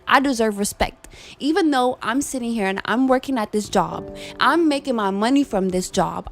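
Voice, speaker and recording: Young woman, casual vlog rant, emphatic, profane, slightly high voice, faint music behind. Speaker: vlogger telling a work story. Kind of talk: casual storytime rant over gameplay.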